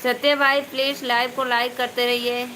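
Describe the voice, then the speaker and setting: A woman from eastern Uttar Pradesh with an Awadhi-tinged Hindi accent, hosting a casual live stream, chatting with viewers by name and speaking loudly over rain. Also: a little high, level tone, moderate pace, low-quality recording. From eastern Uttar Pradesh, India. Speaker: live stream host and folk singer. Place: indoors at home during heavy rain. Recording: faint background noise of rain.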